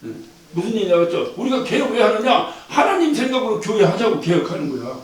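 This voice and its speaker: A male pastor preaches with a high, lively voice that climbs and drops freely. He chuckles as he speaks and throws questions to the congregation. He sounds distant from the mic, inside a heavily echoing church hall. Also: fast. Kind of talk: sermon. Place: church sanctuary. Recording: echoey church hall from far off.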